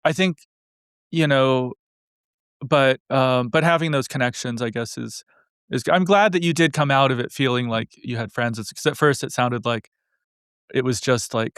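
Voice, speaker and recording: A man hosts an interview, posing long, meandering questions packed with hedges and fillers like "you know" and "like." His voice is mid-range and fairly bright, smooth, and recorded cleanly in a studio with no room sound. The exchange is a casual interview conversation.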